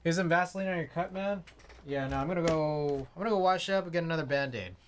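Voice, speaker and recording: A man's voice: fairly high pitch, fast. Casual male livestreamer, noisy background. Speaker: livestream host. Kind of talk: casual livestream chat while working. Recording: clicks and steady background noise.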